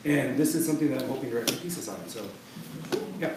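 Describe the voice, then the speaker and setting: A young man in his twenties, a graduate student intern, introducing himself in a brisk, earnest way. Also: mid-range voice. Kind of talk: self-introduction at a meeting. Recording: echoey room, distant mic, background noise.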